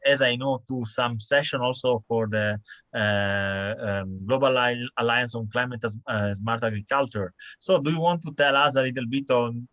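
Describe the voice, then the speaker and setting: A man moderates an online panel over a video call, stopping and restarting often. His voice sits mid-range and sounds dry and dull through the call audio. He picks his words slowly as he hands the floor to guests. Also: mid-range voice, fairly bright tone, no room sound. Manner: halting, many fillers and restarts. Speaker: webinar host.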